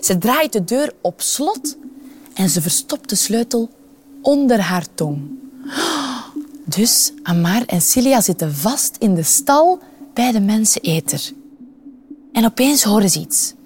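A woman's voice: mid-range voice, takes it slowly, long pauses. A woman with a Flemish accent reading a children's story aloud, asking her young listeners questions. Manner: lively, animated voices, asks the children questions.

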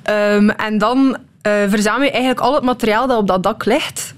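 A woman in her twenties with a Flemish Belgian accent, explaining her research as an interview guest in an informal way, with hesitant pauses. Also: mid-range voice.

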